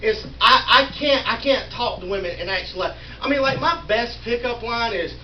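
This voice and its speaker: A man's voice: very high-pitched, a little fast, slight background noise. A man, doing a live stand-up set, mocking himself and bantering with the audience in a small room. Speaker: stand-up comedian. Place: small indoor venue in a wine store. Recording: roomy, distant, dull live recording with crowd ambience.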